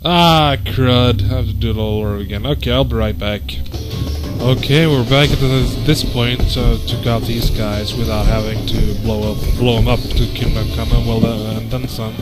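A man casually commentating a video game as he plays, rambling with halting fillers and swearing at the game. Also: mid-range voice, steady tone. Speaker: gameplay commentator. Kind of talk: casual let's-play commentary. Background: loud game music.

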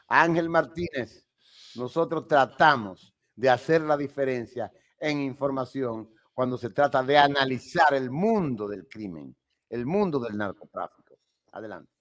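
A man, a guest crime analyst speaking deliberately and emphatically into a studio microphone in a home office. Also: medium pitch. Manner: deliberate, emphatic, gestures while explaining. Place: home office with shelves and flags. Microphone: studio mic on boom arm.

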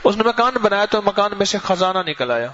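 Faint noise and dull lo-fi sound mark this recording of a man's sermon at a mosque gathering. He preaches through storytelling, his pitch rising and falling in lively, sweeping arcs.

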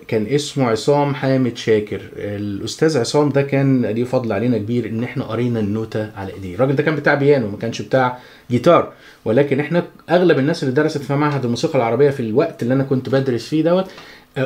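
A man with an Egyptian Arabic accent giving a chatty, joking guitar lesson, counting the beats out loud. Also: medium pitch, rapid-fire. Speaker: guitar teacher. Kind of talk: casual spoken music lesson.

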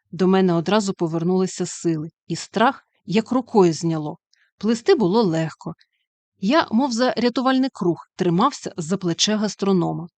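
A woman reads a storybook aloud with lively, expressive storytelling. Her voice sits at a middle pitch for a woman. The sound is dry and close, with no room echo. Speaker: audiobook reader. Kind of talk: storybook narration.

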